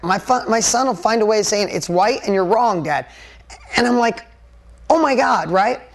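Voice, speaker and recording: A middle-aged man giving a candid, emphatic motivational talk, firing off rhetorical questions and swearing now and then. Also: sits high. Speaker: motivational speaker.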